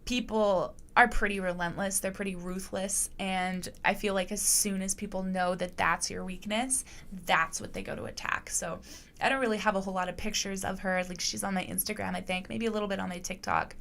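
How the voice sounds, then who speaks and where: Young adult woman, podcast host, frank and profane, gravelly edge, casual rambling delivery. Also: mid-range voice, steady tone, brisk, fairly bright tone. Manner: candid, blunt, swears freely, rambling with many fillers. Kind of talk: casual monologue.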